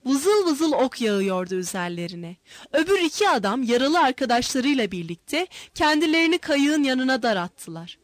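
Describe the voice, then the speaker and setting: A woman reads a story aloud as audiobook narration, measured and expressive. Her voice sits high and moves through a wide, lively range, and the recording is close and dry with no room sound. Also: no echo.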